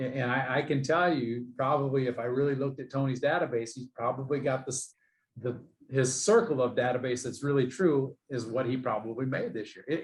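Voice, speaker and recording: A man's voice: mid-range voice, rough recording. A man coaching real estate agents in a casual interview, rambling and enthusiastic with many fillers and restarts.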